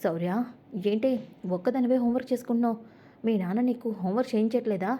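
Scheming older woman, coaxing and needling, read by a woman narrator; voice sits a little high and sounds dark and mellow. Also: fast, close to an everyday voice.

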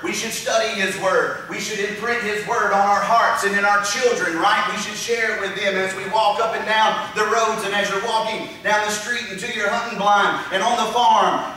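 A middle-aged pastor preaches a sermon on a dark church stage with a projection screen, speaking into a handheld mic and piling up emphatic, repetitive lists of rhetorical phrases. His voice sits high, pushed and bright. Filmed from a far camera, the audio sounds distant and echoey in the church hall, with slight background noise.

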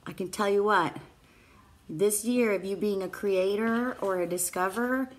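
Poor audio from a phone or tablet held at arm's length captures a middle-aged preschool teacher reading a picture book to young children in a small indoor classroom. She talks at a normal speed in a medium-pitched voice, using simple wording and asking her listeners questions.

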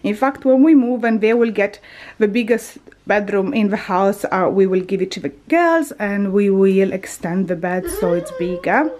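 This vlogger, a woman in her thirties, walks through her bathroom and bedroom while filming on a handheld camera, chatting casually and frequently correcting herself. Her mid-range voice has lively intonation, a darkish tone and a normal speed.

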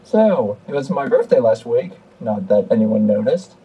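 A man's voice: mid-range voice, lively intonation, normal speed, breathy edge, highs cut off, pitched below the performer's own voice. A man voicing a grumpy computer opponent in his own game, speaking in a sarcastic robot voice. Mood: sulky sarcastic. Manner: sarcastic robot voice, dry and sulky.

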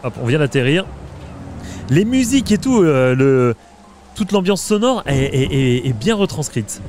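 A man's voice: fairly high pitch, very animated, a little slow, darkish tone. A man giving casual, hesitant gameplay commentary with many filler sounds. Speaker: let's play gamer. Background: game music.

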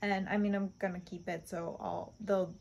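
A woman's voice: fairly low pitch, flat delivery, moderate pace, gravelly, darkish tone, a little hiss or hum. Chatty young woman reviewing makeup. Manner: chatty, upbeat, lots of fillers. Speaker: beauty vlogger. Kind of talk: casual product review vlog.

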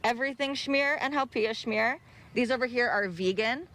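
Outdoors in a park by the ocean, a young bagel-shop owner chats on live TV through a handheld reporter mic, cheerfully walking through her menu. Her voice runs on the high side, pushed and bright, at a moderate pace.

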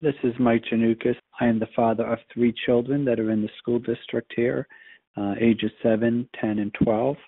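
A man's voice: medium pitch, little pitch movement, normal speed, slightly rough, no echo. A father making a frank, plain-spoken public comment by phone. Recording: tinny phone line.

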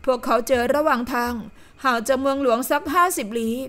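A woman voicing a gossiping lady in purple in an audio novel, speaking in a low, conspiratorial voice. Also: brisk, fairly bright tone. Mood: confiding. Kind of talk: audiobook character voice.

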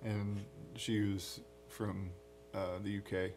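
A man's voice: lowish voice, flat delivery, takes it slowly, a little mellow, faint music behind. A man co-hosting a podcast in casual chat, often laughing as he tells stories. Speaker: podcast co-host.

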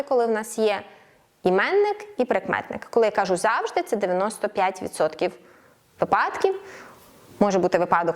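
Lady teaching spanish online, explains stuff then says the example phrases reeeal slow. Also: medium pitch. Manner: explains clearly, slows right down for example phrases. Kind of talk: online language lesson.

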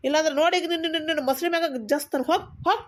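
A woman's voice: very high-pitched, racing. A woman doing a bossy nagging mother-in-law. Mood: scolding. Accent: Belagavi Kannada. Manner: loud, nagging, ordering about. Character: bossy scolding middle-aged mother-in-law. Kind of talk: cartoon comedy voice acting.

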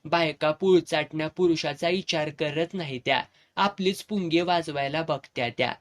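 A crude village man sneers and jeers in broad rural Satara dialect, as a male narrator puts him on. His tone is mocking and blunt, and the voice runs slightly high. He is a coarse storybook sidekick. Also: normal speed, natural voice. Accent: rural Satara Marathi dialect.

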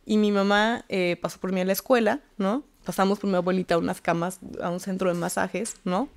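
Mexican woman, mid-pitched, animated storyteller, podcast guest. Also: fairly quick. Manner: animated anecdotes with acted-out quotes. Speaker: tarot reader guest. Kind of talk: casual storytelling conversation.

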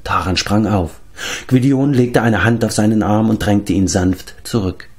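A man narrating an audiobook in a measured, low storytelling tone. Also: a little mellow. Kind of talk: audiobook reading.

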